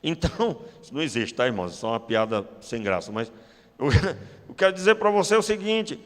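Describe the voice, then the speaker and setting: A Brazilian man with a Brazilian Portuguese accent preaching a sermon as pastor, stressing key words by slowing down, with joking asides. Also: on the high side, big pitch swings. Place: church hall. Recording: long church-hall reverb.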